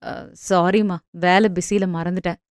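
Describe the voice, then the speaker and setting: A woman voicing a teasing, playful young village man in a storybook romance, speaking a little lower and pleading or sulking in turns. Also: steady tone, moderate pace, clear, resonant tone, dry recording, studio quality, close to an everyday voice.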